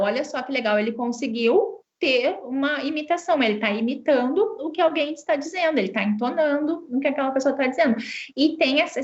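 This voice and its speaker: A woman with a high voice. She explains things step by step to parents and tags her points with quick checks. The sound is muffled, like video-call audio. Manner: explanatory, tag questions after each point. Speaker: speech therapist. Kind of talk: expert answering parents' questions.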